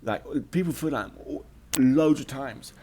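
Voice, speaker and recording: This podcast host, a man, delivers a casual pep talk in a halting, emphatic way, repeating words and occasionally stuttering a bit. He has a mid-range voice that sounds mellow and husky.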